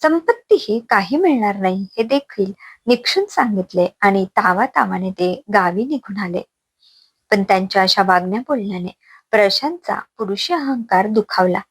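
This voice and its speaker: A woman narrating a dramatic family story in an expressive reading. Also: medium pitch, normal speed, breathy edge, no room sound.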